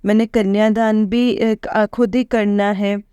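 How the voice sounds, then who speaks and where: A woman's voice: mid-range voice, level tone, a little slow, warm tone, clean tone, no room sound, clean studio sound. A young woman, earnestly and emotionally sharing her devotional experiences with listeners, often addressing them directly. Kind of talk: personal devotional testimony.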